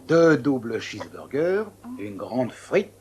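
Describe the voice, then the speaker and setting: A man's voice: medium pitch, sing-song, slow, a little mellow, slight background noise. A man dubbing a friendly, chummy hospital staffer in a French film, jovial and familiar.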